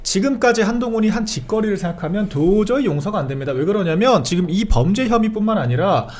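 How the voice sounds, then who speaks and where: A man's voice: high voice, lively intonation, fast talker, darkish tone. A man on a political panel show, speaking indignantly and firing off rhetorical questions. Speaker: political commentator on a live show. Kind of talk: heated panel discussion.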